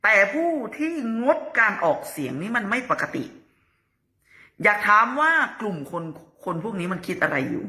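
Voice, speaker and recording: Woman commentator, bright voice, chatty, opinionated, politely spoken. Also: medium pitch, sing-song, normal speed. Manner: chatty, opinionated, asks pointed questions. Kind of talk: casual news commentary.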